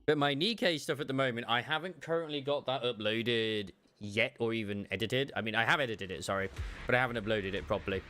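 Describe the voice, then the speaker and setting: A man's voice: mid-range voice, fairly quick, bright, forceful tone, slight background noise. A man giving casual, chatty live commentary as he plays a game, often muttering to himself. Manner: chatty, muttering to himself, sing-song asides. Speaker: gaming streamer.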